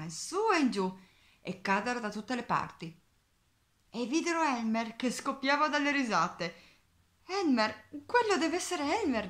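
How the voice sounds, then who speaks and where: A woman reading a children's picture book aloud, expressive and dropping to a whisper on key words. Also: fairly high pitch. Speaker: children's storyteller.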